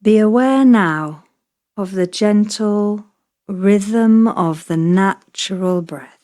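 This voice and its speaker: A female yoga nidra teacher guides a relaxation meditation, her mid-range, slightly mellow voice soothing and measured. She leaves long pauses between short phrases.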